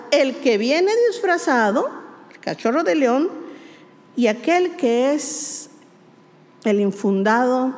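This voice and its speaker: A woman's voice: high voice, a little mellow. A woman pastor, preaching emphatically, repeating key words and asking rhetorical questions. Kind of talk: sermon. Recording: long hall reverb.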